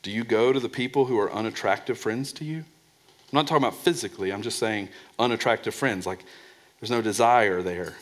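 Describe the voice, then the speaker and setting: A man preaching as a pastor speaks fairly quickly, driving points home and softening to a low voice on important words. He often restarts, repeating words as he does.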